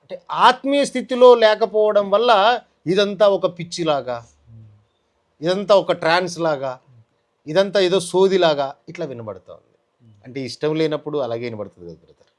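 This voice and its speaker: Man with a telugu accent, testimony storytelling, voice rising and falling, fairly high pitch. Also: normal speed. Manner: animated storytelling, voicing others in quotes. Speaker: guest giving a testimony. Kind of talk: emotional testimony interview.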